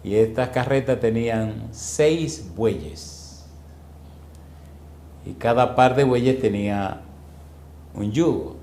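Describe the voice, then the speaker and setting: A male pastor delivers a storytelling sermon at a mid pitch, often turning to his listeners with rhetorical questions. His voice rings through a reverberant church room with faint background noise behind it. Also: takes it slowly, pauses often, warm tone.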